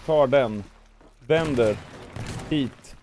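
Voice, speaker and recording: This gaming video host's commentary is playful, his moves narrated with comical sound words, though weeks of coughing have made him hoarse. His mid-range voice leans dark, and there's slight background noise.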